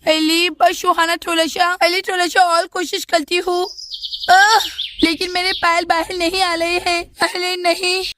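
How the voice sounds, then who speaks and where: A woman's voice: very high voice, level tone, measured pace, bright, forceful tone, no room sound, full character voice. A woman doing a scared little schoolgirl doll. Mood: worried, pleading. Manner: anxious, pleading, calls out again and again. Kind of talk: storybook doll voice acting.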